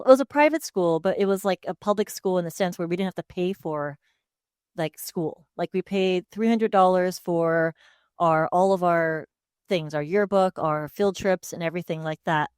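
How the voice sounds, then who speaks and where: A woman's voice: lowish voice, a little mellow, smooth, no echo. A woman from Hawaii being interviewed about her life, telling her story openly and steadily on a headset microphone. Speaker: guest, speech-language pathologist. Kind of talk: casual interview answers. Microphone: headset mic.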